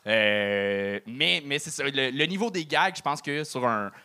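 A man with a Quebec French accent and a bright, forceful voice judges a comedy act. He gives his critique haltingly and repeats words as he searches for what to say. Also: medium pitch, lively intonation, smooth. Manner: halting, repeats words while giving feedback. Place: live comedy club.

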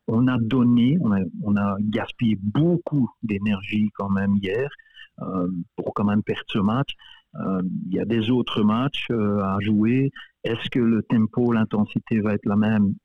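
Man, guest coach, low-ish voice, halting and repetitive, phone-line audio. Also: no room sound. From Belgium. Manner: hesitant, many repeated words and fillers, laughs often. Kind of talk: casual radio interview.

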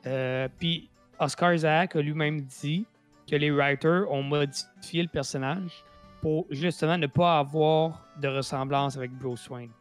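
A man's voice: a little high, fairly even intonation, unhurried, clean tone, faint music behind. A man with a Québécois accent hosting a casual chat, rambling and repeating his words as he reviews a series. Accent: Quebec French. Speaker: podcast host.

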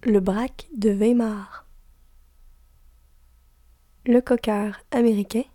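A woman slowly reading out a long list, softly, and slipping into whispered asides. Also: a little high, steady tone, no room sound, studio quality. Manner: soft, slow, drops to a whisper for asides.

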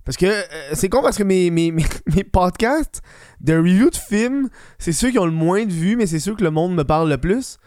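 A man's voice: sits high, animated, normal speed, darkish tone, no echo, studio quality. A man with a Quebec French accent hosting a solo podcast in casual, slangy chat, swearing freely and dropping English slang into his French.

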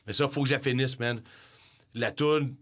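A young Québécois man talks music in a loose, rambling way, full of slang and asides. His pitch sits in the middle and his manner is excited. It sounds like casual chat between podcast co-hosts. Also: normal speed. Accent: Québécois French. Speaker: podcast co-host.

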